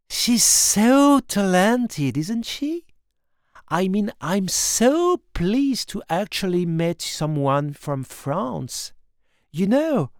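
A male storybook reader puts on a giddy teenage girl, gushing and breathless. The voice jumps high and swings wide in pitch. She strings her words together with fillers, spoken in a dry, close sound. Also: no room sound, full character voice. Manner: chatty, breathless, lots of fillers.

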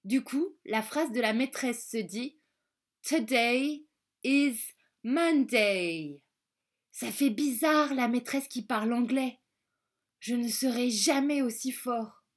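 Woman reading a children's storybook aloud; unhurried, gentle, a little high-pitched. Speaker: storybook reader. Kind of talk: children's storybook narration in the first person of a schoolgirl.

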